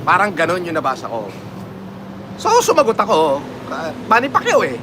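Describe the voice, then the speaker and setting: Filipino man, fairly high voice, live-stream host, mocking, laughs a lot, traffic noise behind. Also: huge pitch swings, moderate pace. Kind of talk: casual live-stream chat, reading comments.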